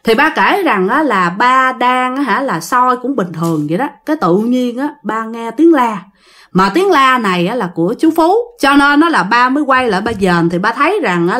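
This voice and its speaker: A woman's voice: on the high side, fairly bright tone. A woman telling a family ghost story in a conversational way, speaking to her listeners.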